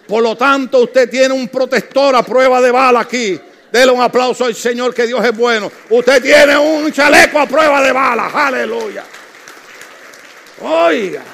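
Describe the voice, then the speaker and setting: A middle-aged male pastor delivers a lively sermon, spinning jokes and stories and calling out to his listeners. His voice sits high for a man and has a gravelly edge to it. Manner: humorous storytelling, calls out to the congregation.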